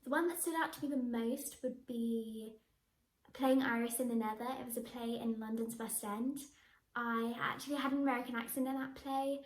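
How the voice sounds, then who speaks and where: Recorded in an echoey room, a young teenage actress answers interview questions to camera with bubbly enthusiasm and lots of laughter. Her voice is a little high, steady in tone, at a normal speed.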